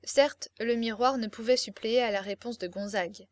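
A woman reading a novel aloud as an audiobook narrator, with steady, expressive storytelling. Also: a little high, normal speed, no room sound. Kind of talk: scripted narration.

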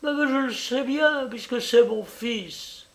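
A man voicing a fierce, desperate old peasant mother who pleads for her son in a high, shrill voice. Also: slow, creaky, fairly bright tone, full character voice. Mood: pleading.

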